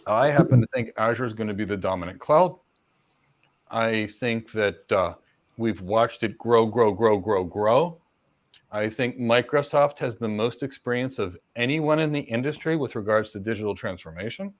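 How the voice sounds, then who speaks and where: A middle-aged career coach with a fairly low voice answers viewer questions in a casual live Q&A. He explains things confidently in long runs, repeating words and tossing in quick asides.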